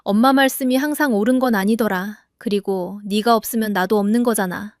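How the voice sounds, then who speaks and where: Woman lowering her voice for an earnest young husband. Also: a little fast, no echo, clean studio sound, lightly acted. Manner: earnest, pleading but firm.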